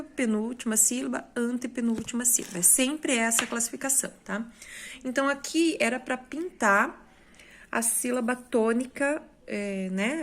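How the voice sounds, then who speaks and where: A woman with a Brazilian Portuguese accent, a school teacher going through exercise corrections in a recorded lesson, explaining step by step and often checking in with the class. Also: on the high side.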